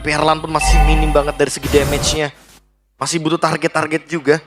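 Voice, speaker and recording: An Indonesian man gives analytical esports commentary in a fairly high voice. He speaks quickly, with clear music behind him. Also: completely flat delivery.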